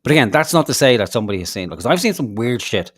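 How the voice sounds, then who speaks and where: A man's voice: medium pitch, big pitch swings, very fast, a bit bright, no echo, clean studio sound. A man, co-hosting a podcast, telling rambling stories in casual chat with lots of fillers, restarts and swearing. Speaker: podcast co-host.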